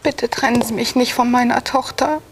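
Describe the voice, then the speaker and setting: A woman playing a desperate, emotional mother on trial in a TV courtroom drama, pleading haltingly for her child. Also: a little high, fairly even intonation, a little hiss or hum, close to an everyday voice. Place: indoor TV studio courtroom.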